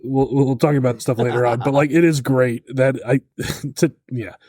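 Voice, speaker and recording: A man co-hosting a tabletop game podcast, talking casually in a rambling, halting way with many restarts. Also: medium pitch, fairly even intonation, mellow, dry recording, clean studio sound. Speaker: podcast co-host.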